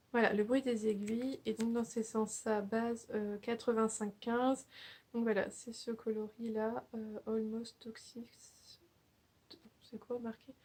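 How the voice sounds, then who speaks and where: A young woman hosts a knitting podcast, her voice slightly high and husky. She chats casually and hesitantly in a show-and-tell style, full of fillers and restarts.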